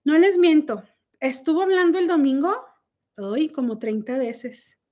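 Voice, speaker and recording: A middle-aged woman with a Mexican accent talks high and brash on a phone livestream. She is profane and mocking, chatting casually with her viewers. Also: measured pace, warm tone. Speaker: livestream host.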